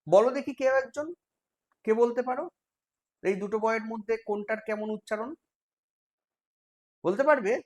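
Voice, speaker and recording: A man's voice: high-pitched, normal speed, long pauses, darkish tone. A man with a West Bengal accent teaching a live online exam-prep class, explaining step by step and quizzing his students.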